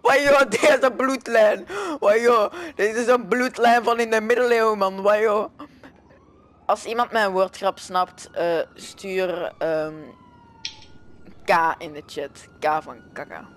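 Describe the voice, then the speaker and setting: A young-sounding gamer with a Flemish accent, giving casual, jokey and excitable commentary while playing with a friend, often repeating phrases. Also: mid-range voice, slow pace. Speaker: gaming video host.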